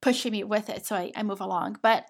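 Speaking fast at a medium pitch and in a steady tone, a Portuguese-speaking woman from Brazil hosts her motivational podcast with a Brazilian Portuguese accent. As a coach for women in business, she's affectionate and encouraging and calls the listener "my love."

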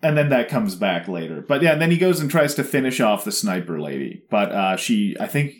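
A man's voice: lowish voice, sing-song. A man co-hosting a casual recap chat, sarcastic and rambling, mocking the scenes he describes. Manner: sarcastic, rambling, mocks scenes with quick put-on voices. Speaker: podcast co-host.

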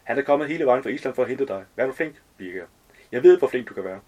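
A man's voice: medium pitch, expressive, a little mellow, natural voice. A man reading aloud as a talkative, overly familiar man in his early forties who rambles in slangy chatter.

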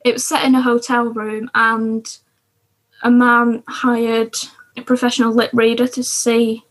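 A woman's voice: on the high side, flat delivery, unhurried. A woman co-hosting a podcast, chatting enthusiastically about TV shows with lots of fillers. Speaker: podcast co-host. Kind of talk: casual chat about TV shows.

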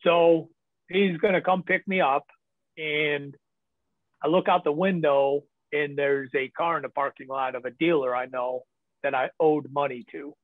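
A man's voice: fairly high pitch, fairly even intonation, measured pace, no echo. A man, a podcast guest, telling candid stories from his past in casual talk, laughing often and filling with ums. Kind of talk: casual storytelling. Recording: tinny phone-like line, dry.

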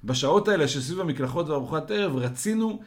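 Man co-host, slightly raised pitch, steady explanatory conversational tone. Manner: calm, restates and expands with examples. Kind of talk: casual podcast discussion.

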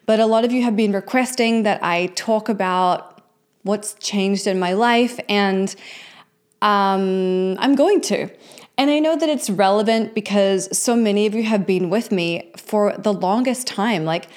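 A woman's voice: medium pitch, darkish tone. Candid forty-year-old woman, reflective and conversational. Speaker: host of a personal show. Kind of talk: confessional life update to followers.

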